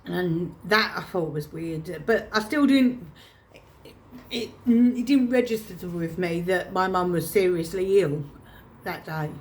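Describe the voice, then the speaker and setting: Holding back emotion, a woman vlogger recounts something painful from her life to the camera, her lowish voice breaking off and starting phrases over. There is slight background noise.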